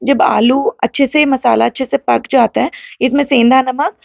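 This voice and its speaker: A woman's voice: high-pitched, fairly even intonation, moderate pace, gravelly, a little mellow, highs cut off. A young woman talking casually through a home vlog, chatty and rambling as she explains her day. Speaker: vlogger.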